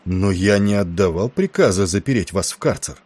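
A man's voice: low voice, lively intonation, moderate pace, darkish tone, no room sound. Man doing a stern, weary old captain. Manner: gruff, commanding, weary. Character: stern ailing older male ship captain.

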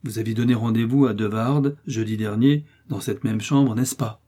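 A man reading aloud and playing a bold young swordsman, gallant and teasing, in a husky, dark voice. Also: on the low side, steady tone, normal speed. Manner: gallant, mocking confidence.

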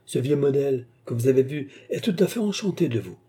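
Man voicing a breezy painter, teasing, dark husky tone. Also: mid-range voice, expressive, brisk. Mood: amused. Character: cheerful amused male painter friend.

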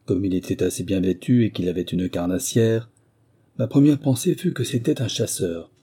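A man reading a first-person memoir aloud as an audiobook narrator, in steady, measured storytelling. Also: low voice, husky.

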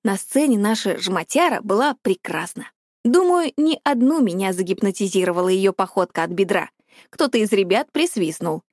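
A woman narrating a first-person story in a wry, expressive way as an audiobook reader. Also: medium pitch, normal speed, no room sound, clean studio sound.

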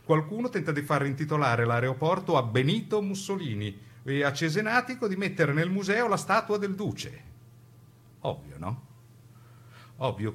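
This man's husky, mid-range voice carries an emphatic, rhetorical narration for a radio documentary play. He reads from a script and lets pauses hang for effect.

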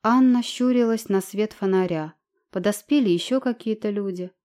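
A woman reading a historical novel aloud with an even, dramatic delivery. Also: medium pitch, moderate pace. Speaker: audiobook narrator. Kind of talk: scripted narration.

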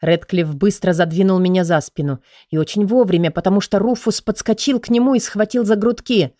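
A woman narrating a first-person audiobook in an even, measured storytelling manner. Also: mid-range voice, no room sound, studio quality.

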